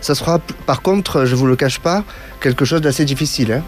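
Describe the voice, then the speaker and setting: A radio clairvoyant hosts a call-in consultation, reassuring callers in a brisk, mid-range male voice. He hesitates with many fillers and restarts, and faint music plays behind him.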